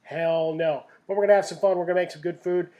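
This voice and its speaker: A man's voice: high voice, steady tone, fast talker, warm tone, far from the mic. A middle-aged man hosting a home cooking show, talking in a chatty, folksy way with punchy asides. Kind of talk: casual cooking demonstration. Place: home kitchen. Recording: roomy kitchen, voice off-mic.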